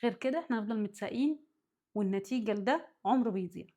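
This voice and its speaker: Egyptian woman, psychology teacher, rapid and a touch high-voiced, keeps checking the listeners follow. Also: expressive, warm tone. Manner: walks through worked examples. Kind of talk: spoken lesson.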